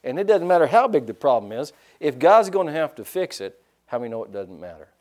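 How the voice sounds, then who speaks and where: A man pastor preaching a sermon in a folksy, animated way, acting out quotes and leaning on "you know". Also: on the high side, fast.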